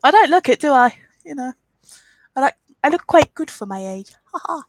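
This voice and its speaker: During a casual live Q&A, a YouTuber from England in her twenties reads comments aloud, rambling chattily and answering trolls frankly and defiantly. She has an Essex accent and sounds sniffly with a cold. Her voice is high-pitched and expressive at a moderate pace, in a rough recording with no echo.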